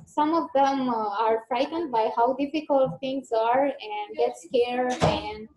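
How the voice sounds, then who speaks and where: A young adult woman with a Romanian accent hosts a student club meeting, her high-pitched voice slow and hesitant with many fillers. The recording has an echoey room sound and faint noise.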